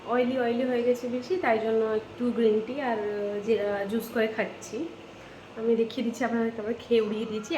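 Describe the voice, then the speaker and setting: Woman vlogger, West Bengal accent, high voice, chatty and direct to camera, home kitchen. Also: a little hiss or hum. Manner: chatty, talks straight to viewers. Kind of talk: casual home vlog.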